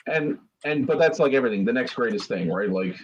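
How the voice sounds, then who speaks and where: A man's voice: medium pitch, expressive, a little fast. A man hosting a casual podcast chat, rambling and jumping between tangents. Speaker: host. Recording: dull lo-fi audio with faint noise.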